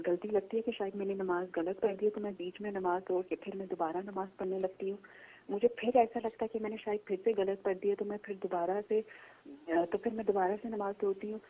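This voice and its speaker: Woman from pakistan, caller, hesitant, mellow tone, faint hiss. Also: mid-range voice, rough recording. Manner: hesitant, with fillers.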